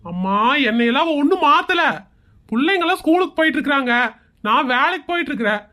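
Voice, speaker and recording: Harried husband and son voiced by a woman, high-pitched, pleading, soothing, cartoon skit. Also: animated, fast talker, bright, forceful tone. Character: harried middle-aged husband and son, placating.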